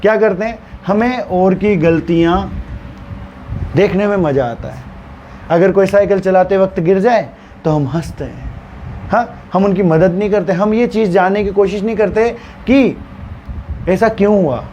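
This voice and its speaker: A man's voice: high voice, unhurried, mellow, lo-fi sound, slight background noise. A male teacher retelling a story for students, acting out the characters' stammering and dialogue as he explains.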